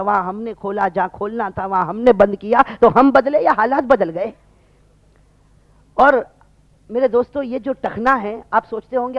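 Male preacher, high voice, impassioned sermon with big swings between cries and hushed asides, questions the crowd, dull lo-fi recording. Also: dry recording. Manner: keeps questioning the audience directly. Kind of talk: emotional sermon.

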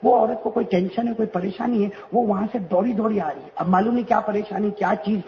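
A male preacher giving a storytelling sermon, animated and rhetorical, calling on the audience to answer back. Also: high voice, gravelly, muffled recording, a little hiss or hum.

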